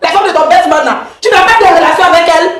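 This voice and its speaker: A woman's voice: very high voice, rapid-fire, echoey room, noisy background. A woman confronting her husband on a mediation show, accusing him and repeating her questions insistently. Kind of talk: heated confrontation.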